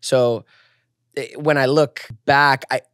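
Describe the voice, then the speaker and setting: A man's voice: medium pitch, steady tone, slow pace, a bit bright, dry recording, studio quality. A man in his thirties hosting a podcast, talking in a reflective, loose way with restarts. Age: 30s. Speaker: podcast host. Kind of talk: casual conversation.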